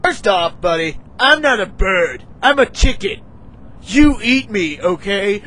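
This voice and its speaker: A young man voicing a proud, easily offended male chicken in an amateur game-engine comedy, whiny and quick to shriek in panic. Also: sits high, big pitch swings, sharp tone, full character voice. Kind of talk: amateur machinima voice acting.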